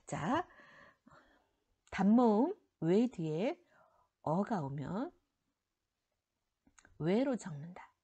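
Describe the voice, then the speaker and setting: A woman's voice: mid-range voice, sing-song, very slow, pauses often, mellow, breathy edge. A woman teaching a middle school grammar lesson, explaining rules step by step and trailing off into a near whisper at the ends of some phrases. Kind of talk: recorded classroom lecture.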